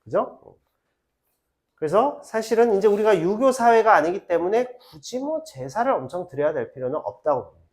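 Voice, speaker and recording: A middle-aged man teaching a high school literature class, chatty and animated, acting out quoted lines in between. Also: moderate pace. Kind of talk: lecture to high school students.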